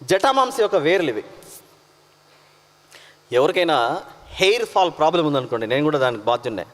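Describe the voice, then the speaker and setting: A male pastor from India delivers an emphatic sermon, rising to loud proclamations and dropping to quiet asides. His voice sits fairly high, and he drops English words into his talk. A long reverb from a church hall trails after each phrase. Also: big pitch swings, a little fast. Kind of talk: sermon with live slide directions.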